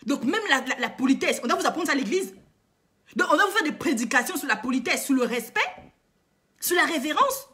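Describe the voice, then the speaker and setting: A high, slightly bright voice with lively intonation and a little fast. The speaker, a woman vlogger and coach, lectures her viewers in an impassioned moralizing monologue, firing indignant rhetorical questions and repeating herself often.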